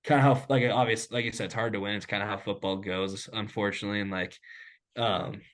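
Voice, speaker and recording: A young male host in casual sports talk, rambling and filling nearly every pause with "like". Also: on the low side, steady tone, a bit bright.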